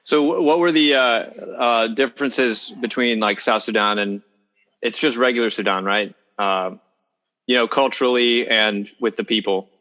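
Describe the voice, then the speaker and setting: Guy hosting a podcast, bright edgy tone, stumbles through questions, kinda muffled. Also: mid-range voice. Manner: halting, stumbling over questions. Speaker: podcast co-host. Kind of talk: casual interview questions. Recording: dull audio with long reverb.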